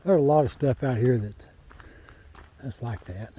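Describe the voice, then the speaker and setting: A man's voice: mid-range voice, measured pace, warm tone, a little hiss or hum, rough recording. An older man chatting in a rambling, folksy way while walking a rural hillside, then reading scripture aloud, recorded on a handheld phone. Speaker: lay Bible teacher.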